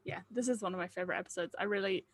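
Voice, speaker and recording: On a casual group video call, a woman leads a table read as the writer, joking and self-deprecating. Her fairly low voice comes out rapid-fire.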